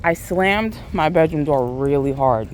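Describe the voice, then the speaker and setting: A woman's voice: low-pitched, measured pace, low-quality recording. A woman with an American accent tells a story casually to viewers while out walking, animatedly acting out what people said. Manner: animated retelling, acts out quoted speech. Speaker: vlogger. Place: outdoors on a walk. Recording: outdoor ambient noise.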